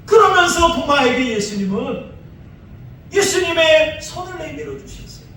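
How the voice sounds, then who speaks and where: A man's voice: extremely high pitch, expressive, moderate pace, bright, forceful tone, distant mic, a little hiss or hum. A male pastor preaching a sermon emphatically, with rising rhetorical questions. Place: church sanctuary. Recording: echoey church hall from afar.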